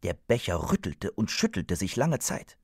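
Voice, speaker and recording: A man narrating a children's story in an expressive, animated scripted reading. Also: sits low, moderate pace, husky, dry recording, studio quality.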